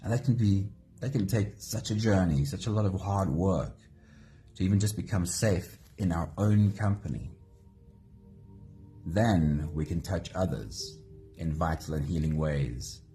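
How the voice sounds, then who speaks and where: Low mellow guy leading a meditation live, slow and gentle. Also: faint music behind. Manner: slow, gentle, greets viewers by name. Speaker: meditation host.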